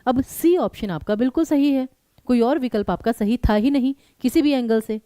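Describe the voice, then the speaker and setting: A woman teaching a live exam-prep class. Her voice is mellow and rather high, and it swings widely as she talks straight to her students. The recording is dry and close. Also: normal speed, dry recording. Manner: animated, addresses students directly.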